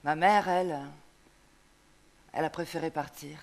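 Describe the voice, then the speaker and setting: A woman's voice: low-pitched, fairly even intonation, normal speed. Prim woman telling a comic story on stage. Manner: prim, correcting, gossipy storyteller. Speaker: comic actress. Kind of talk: stage comedy dialogue and monologue. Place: theatre stage before a live audience.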